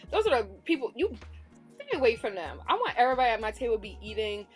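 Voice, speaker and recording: A woman's voice: fairly high pitch, big pitch swings, fast, faint music behind. A young woman vlogging to camera in a frank, chatty way, peppering her talk with "like" and casual swearing. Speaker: beauty vlogger.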